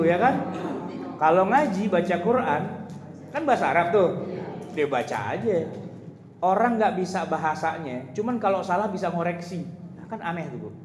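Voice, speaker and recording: Joking preacher. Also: male voice, high voice. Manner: humorous, chatty, laughing often, addressing the audience directly. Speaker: Islamic preacher. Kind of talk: informal religious lecture. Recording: echoey hall with loud ambient noise.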